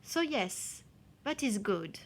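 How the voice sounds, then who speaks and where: A woman teacher explaining a reading exercise to children slowly and carefully, sounding out syllables. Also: mid-range voice, very animated, a little hiss or hum. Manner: slow, careful, spelling out syllables. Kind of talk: slow classroom explanation in two languages.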